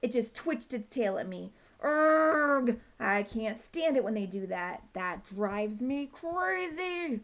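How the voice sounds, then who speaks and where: A woman voicing an excitable male dog who rants indignantly about squirrels, reading a children's book aloud. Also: a little high, unhurried, few pauses. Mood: furious.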